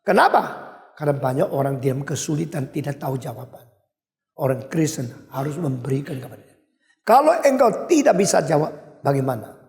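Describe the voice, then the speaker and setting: An older male pastor with an Indonesian accent preaching a sermon with emphatic swings in loudness. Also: on the high side, sing-song, normal speed. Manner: emphatic, wide swings in loudness, switches briefly to English. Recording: echoey hall.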